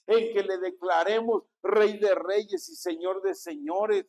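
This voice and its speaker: Mexican pastor, high voice, takes his time, keeps asking the church to say it back. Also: takes it slowly, darkish tone. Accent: Mexican Spanish. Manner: preaching with call-and-response to the congregation. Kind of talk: sermon.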